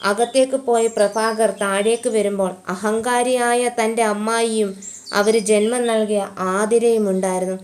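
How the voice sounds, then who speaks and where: A woman narrating a romance story with steady, dramatic delivery. Her voice sits somewhat higher than usual. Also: normal speed.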